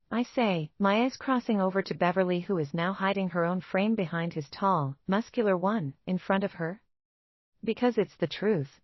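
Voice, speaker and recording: Low-voiced woman narrating an audiobook. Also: no echo. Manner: earnest, emotional storytelling. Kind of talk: first-person audiobook narration. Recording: dull, dry lo-fi studio voice-over.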